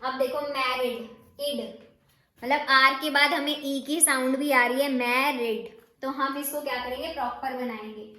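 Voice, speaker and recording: A woman's voice: high voice, steady tone, measured pace, pushed and bright. A woman steno teacher explaining shorthand rules casually, often asking rhetorical questions before answering them. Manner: repeats rhetorical questions to students. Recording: echoey room.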